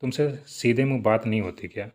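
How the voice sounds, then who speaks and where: A man voicing a sharp-tongued young woman boss who scolds and snaps. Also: fairly low pitch, fairly quick, natural voice. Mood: irritated. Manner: scolding, curt.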